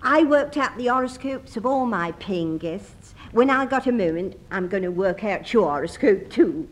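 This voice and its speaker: A woman's voice: medium pitch, animated, moderate pace, close to an everyday voice. An actress playing a chatty, eccentric older landlady who giggles between her lines, in a radio comedy. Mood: gushing. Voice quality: gushing, giggling.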